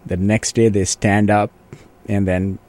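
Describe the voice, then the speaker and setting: In a fairly low, darkish voice with flat delivery and a slightly slow pace, a Pakistani man who speaks Urdu natively answers a radio interviewer. An orthopedic surgeon, he is earnest and thoughtful, with frequent restarts and "you know."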